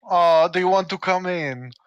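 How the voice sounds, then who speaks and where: A man's voice: high-pitched, measured pace, fairly bright tone, no room sound, muffled recording. A playful, joking man bantering casually as a player in a tabletop game.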